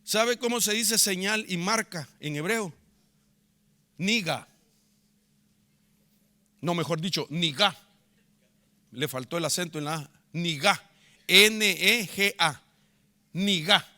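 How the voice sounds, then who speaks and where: A man pastor delivers a sermon. His voice is bright and forceful, pitched a bit above the usual, and he swings between loud declarations and low, heavy drops. He calls on the congregation to repeat words after him. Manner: emphatic, rising and dropping sharply for effect.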